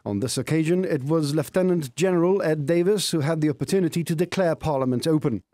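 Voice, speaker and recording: A man narrating a news report in a measured, formal way. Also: fairly high pitch, dark tone, no echo, studio quality. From Gibraltar.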